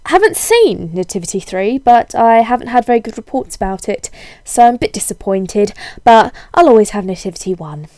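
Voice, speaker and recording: A young woman with a cold-hoarsened voice, chatting casually in a rambling, self-deprecating way as a video blogger. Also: a little high, big pitch swings, fairly quick, mellow, no echo. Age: young adult. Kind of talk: casual chatty vlog, answering tag questions.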